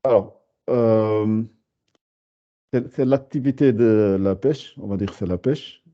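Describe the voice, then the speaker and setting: A man teaching a beginner lesson over a video call, patient, hesitant and full of fillers, drawing out syllables slowly. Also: lowish voice, warm tone, muffled recording. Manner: hesitant, many fillers and restarts. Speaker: Arabic teacher.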